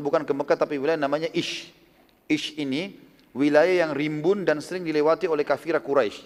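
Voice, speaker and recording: A man's voice: a little high, in a large hall. A man giving a religious lecture, retelling a story animatedly and voicing the people in it, often tagging lines with a casual aside. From Indonesia. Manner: lively retelling, acts out quotes with tag "gitu kan". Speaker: preacher.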